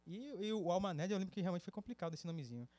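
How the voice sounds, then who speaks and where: A man co-hosting a podcast, telling a story in lively casual chat. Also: high-pitched, racing, no echo. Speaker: podcast co-host.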